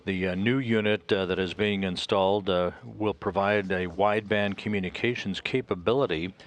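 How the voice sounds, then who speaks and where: An American man giving live technical commentary from mission control, in a measured, halting delivery full of uhs. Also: low voice, fairly even intonation.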